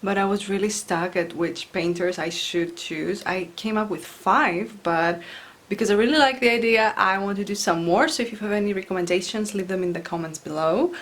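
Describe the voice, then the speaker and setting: A woman's voice: mid-range voice, moderate pace. A young woman vlogging casually from her living room, chatting and laughing at herself. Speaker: fashion vlogger. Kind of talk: casual chat with read-out facts. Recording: music playing underneath. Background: music.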